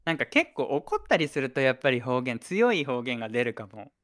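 A man's voice: medium pitch, sing-song, brisk, a bit bright. A man with an Oita accent co-hosting a podcast, chatting in an easygoing, giggly way. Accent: Oita Japanese. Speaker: podcast co-host. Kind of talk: casual chat.

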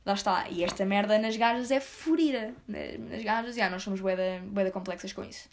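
A woman's voice: mid-range voice, a little fast. A woman with a European Portuguese accent, ranting casually and bluntly to her viewers in a slangy, rambling way with sudden emphatic outbursts. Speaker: vlogger.

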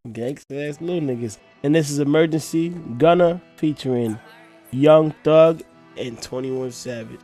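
This is a man with a somewhat raised pitch hosting a music show. He trades slangy, hyped banter about new songs. A faint track plays underneath him. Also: a little slow, warm tone. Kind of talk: casual chat reviewing new songs.

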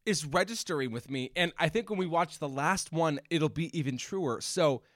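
A man's voice: a little high, normal speed, dry recording, clean studio sound. A man co-hosting a podcast, chatting casually about a movie and restarting his sentences often. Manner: rambling, restarts often, animated. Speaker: podcast co-host. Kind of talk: casual movie review chat.

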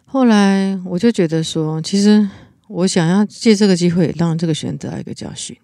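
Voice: mid-range voice, fairly quick, vocal fry, dark tone, no room sound. Taiwanese-accent teacher telling a story, earnest, lots of restarts, dry close sound. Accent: Taiwanese Mandarin. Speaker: teacher, podcast co-host. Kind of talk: casual chat, personal story.

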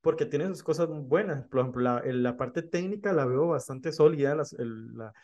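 A man's voice: mid-range voice, moderate pace, darkish tone, lo-fi sound. A man co-hosting a film podcast, chatting casually with fillers and laughter. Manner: chatty, laughs often, many fillers like "este".

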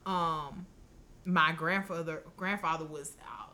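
Podcast co-host, woman, low-pitched and bright, loose joking delivery. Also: slow pace. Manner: laughs often, loose and joking. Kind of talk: casual chat.

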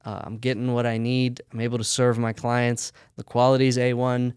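Smooth-voiced man explaining his business. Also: medium pitch, moderate pace, no room sound, clean studio sound. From United States. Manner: relaxed, practical, talks in run-on explanations. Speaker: sock company owner, guest. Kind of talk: casual interview conversation.

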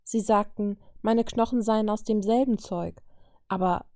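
A woman voicing a troubled, gentle young mutant woman in an audiobook reading, speaking softly and hesitantly. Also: mid-range voice, steady tone, unhurried, dry recording, clean studio sound, natural voice. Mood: subdued.

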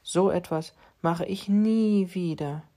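A man's voice: sits high, takes it slowly, warm tone, pitched above the performer's own voice. A man voicing a cheeky, greedy male house cat who grumbles to himself in a bedtime story. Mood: grumbling.

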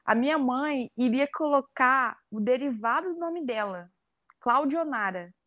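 A young woman from Rio with a Carioca accent, telling her story in a chatty, reflective way. Her voice sits high, and the recording is dry and close. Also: lively intonation, a little slow, a bit bright, dry recording. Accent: Carioca Brazilian Portuguese. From Rio de Janeiro, Brazil. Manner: chatty, reflective, frequent tag questions. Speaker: guest. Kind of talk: casual interview conversation.

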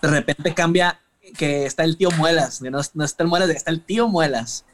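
Relaxed Mexican man interviewing. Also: on the high side, brisk, a little hiss or hum. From northern Mexico. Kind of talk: casual interview chat.

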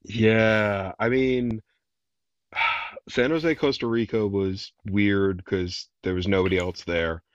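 A man co-hosting a casual soccer podcast, speaking slowly and hesitantly on a dull lo-fi mic. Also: fairly low pitch, fairly even intonation, clean tone, no echo. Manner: slow, hesitant, recalling old trips. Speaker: podcast co-host.

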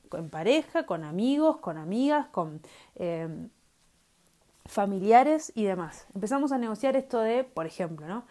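Rioplatense woman doing a chill solo podcast, thinking out loud, lots of fillers and "¿no?". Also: a little high. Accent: Rioplatense Spanish. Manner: conversational, many fillers and rhetorical "¿no?" tags. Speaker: podcast host. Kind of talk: reflective solo podcast talk.

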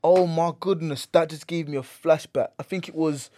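A man's voice: fairly high pitch, steady tone, normal speed, dark tone, no echo. A young man with a London roadman accent bantering and telling stories casually, full of street slang and repeated words. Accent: London, urban street slang. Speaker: podcast co-host.

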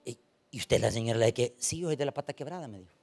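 A man preaching a sermon, telling stories and acting out the people in them, swinging from soft asides to loud points. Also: medium pitch, racing, soft background music. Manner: animated storytelling, acting out quoted voices, swings from soft to loud. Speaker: pastor.

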